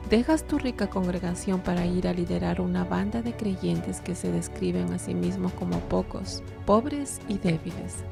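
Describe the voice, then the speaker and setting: Woman reading a documentary video script, gravelly voice, talks right to you, music playing behind. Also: on the low side. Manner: addresses the listener directly as "you". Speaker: video narrator.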